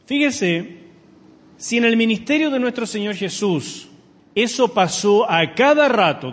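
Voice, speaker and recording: A middle-aged pastor preaches with emphasis, asking his congregation rhetorical questions. His voice sits high and husky. It carries through a large church with long reverb. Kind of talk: sermon. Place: church sanctuary.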